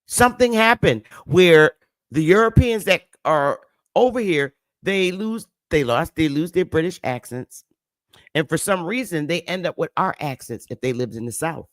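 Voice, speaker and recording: A woman's voice sits low and is expressive, at a normal speed, in a dry recording. She has a Northern US accent and hosts a livestream, emphatically lecturing viewers, repeating her points, and calling for replies in the chat.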